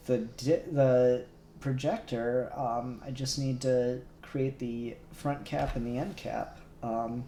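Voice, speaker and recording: In an echoey room with faint background music, a man co-hosts a casual livestream, laughing and rambling as he narrates his thoughts during 3D modelling. His voice is mid-range and dark, with a slight hiss or hum on the recording.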